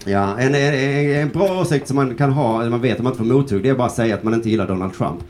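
A man in his forties doing a stand-up comedy set on stage, rambling loosely, swearing and slipping into mock voices. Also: medium pitch. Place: comedy stage before a laughing audience. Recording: live crowd laughter behind.

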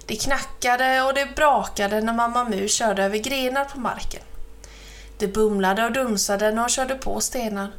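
Kvinna som läser högt ur en sagobok. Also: female voice, on the high side. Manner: lively, expressive reading. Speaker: reader. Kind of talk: storybook reading aloud.

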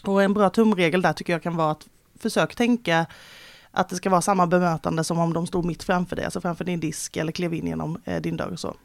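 A woman's voice: lowish voice, fairly even intonation, gravelly, no room sound, clean studio sound. A woman who works in tourism, giving engaged interview answers with frequent fillers. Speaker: tourism organization guest.

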